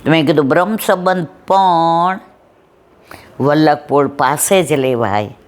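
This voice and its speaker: A woman's voice: low voice, takes it slowly. A middle-aged woman giving a devotional satsang talk, telling a story in a conversational way and asking her listeners whether they follow. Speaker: satsang speaker.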